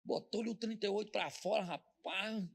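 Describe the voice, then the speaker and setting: Gravelly, high-pitched Brazilian preacher. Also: male voice, moderate pace. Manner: storytelling, jokey, asks the audience rhetorical questions. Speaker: pastor. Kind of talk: humorous sermon.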